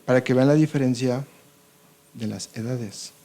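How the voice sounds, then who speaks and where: A man's voice: mid-range voice, unhurried, mellow. A man with a Mexican Spanish accent, a doctor lecturing an audience on colposcopy in a conversational way, often checking in with "ok?" and "yes or no?".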